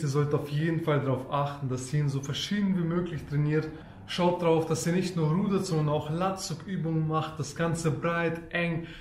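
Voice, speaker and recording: Fitness coach, male, slightly high voice, instructive and repetitive, roomy home gym sound. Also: a little mellow. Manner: explanatory, repeats key points. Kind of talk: home gym workout tutorial.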